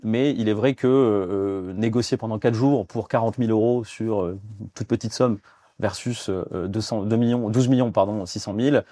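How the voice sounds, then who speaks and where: A man's voice: on the low side, moderate pace, mellow, no room sound, studio quality. A man in his thirties from France, a guest in a business interview, talking with many fillers and restarts. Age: 30s. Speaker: guest, fund development director.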